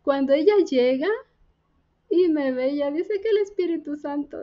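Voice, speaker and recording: A woman's voice: sits high, lively intonation, normal speed, lo-fi sound. A woman from the Dominican Republic with a Dominican Spanish accent, earnestly telling her faith testimony as a guest and acting out the dialogue she recounts.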